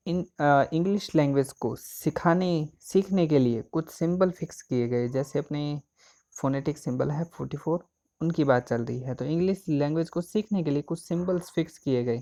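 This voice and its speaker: A man with a fairly high-pitched, mellow voice teaches an exam coaching lesson. He poses questions and then answers them himself.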